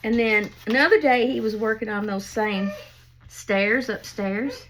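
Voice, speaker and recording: A woman's voice: fairly high pitch, a little slow, fairly bright tone, slight background noise. An older woman, chatting folksily as she tells family stories and shows a craft project at home. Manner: folksy, chatty, laughs at her own stories. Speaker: craft vlogger. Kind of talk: casual storytelling and craft demo.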